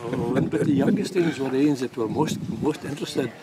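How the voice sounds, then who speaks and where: An elderly man with a northeast Scottish accent, chatting and explaining in a halting, reminiscing way outdoors. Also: medium pitch. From northeast Scotland. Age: 70s or older. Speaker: local guide. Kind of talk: casual reminiscing chat. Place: outdoors by a farm building site. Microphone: camera a step or two away. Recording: windy, noisy outdoor camera audio.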